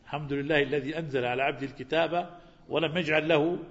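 A man's voice: a little high, fairly even intonation, fast. A man teaching a Quran lesson, asking his students questions and repeating key words. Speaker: religious teacher. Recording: reverberant hall, dull lo-fi sound.

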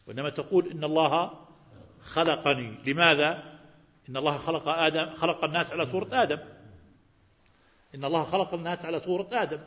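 Male religious teacher, fairly high voice, lo-fi recording with long hall reverb, quizzes his class. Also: fairly bright tone. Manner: asks students questions and repeats key words. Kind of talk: Quran lesson to students. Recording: reverberant hall, dull lo-fi sound.

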